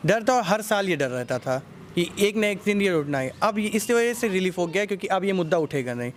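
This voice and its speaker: A man's voice: sits high, expressive, brisk, a little hiss or hum. A young man answering a street interview in a matter-of-fact, explanatory way. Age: young adult.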